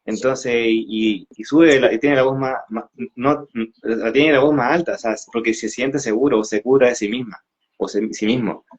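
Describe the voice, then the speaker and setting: A man's voice: mid-range voice, normal speed, slightly rough. A man talking casually in a live conversation, hesitant and searching for words. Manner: hesitant, many restarts and fillers. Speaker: co-host. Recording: dull lo-fi sound.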